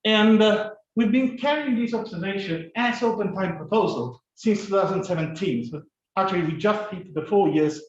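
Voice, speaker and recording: A man giving a fast, halting scientific conference talk, full of fillers and restarts. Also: high-pitched. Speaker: conference speaker. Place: conference room or lecture hall. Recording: echoey, dull conference recording.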